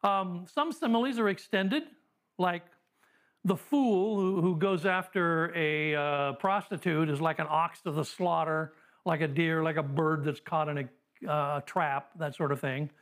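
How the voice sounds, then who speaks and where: A middle-aged man teaching a Bible class in a relaxed lecture, full of uh and um, with dry humor. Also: a little high, unhurried. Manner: conversational with dry humor and frequent fillers.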